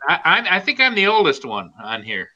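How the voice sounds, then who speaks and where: A man's voice: high-pitched, wildly swooping pitch, brisk, pushed and bright, muffled recording. A man in his sixties chatting on a stream, cracking wry jokes and stammering on repeated words. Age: 60s. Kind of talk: casual chat on a live stream.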